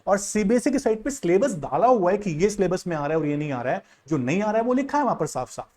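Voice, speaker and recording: A man's voice: high-pitched, big pitch swings, quick pace, a little mellow. A male economics teacher guiding students through an exam syllabus in a direct, insistent, casual way. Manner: direct, insistent, addresses students as "yaar" and "bhai". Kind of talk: casual exam-guidance lesson, screen walkthrough.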